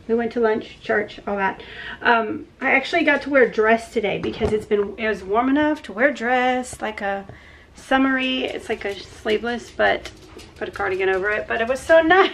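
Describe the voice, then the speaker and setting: A woman's voice: on the high side, a little hiss or hum, poor audio. A woman in her forties chatting casually on a home vlog from her kitchen, rambling and laughing often. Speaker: vlogger. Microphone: camera on the counter, sometimes handheld.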